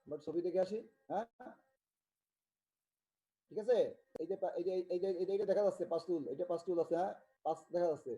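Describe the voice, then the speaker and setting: A man from Bangladesh giving an online medical tutorial, talking haltingly and repeating himself as he checks in with students. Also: high voice, dark tone, soft background music, low-quality recording. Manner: halting, repetitive, with many restarts and check-ins. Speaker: medical lecturer.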